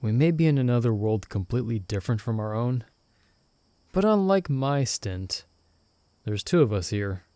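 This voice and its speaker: Played by a man with a natural, middle-pitched voice, this young companion soothes a stranded friend with quiet, steady teasing. The pace is moderate and the mood gentle, and the close, dry recording has no echo.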